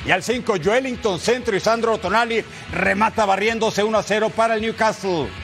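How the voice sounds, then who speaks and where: A man giving football highlights commentary in a colloquial, exclamatory way, talking straight to the viewer. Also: a little fast, a bit bright, soft background music.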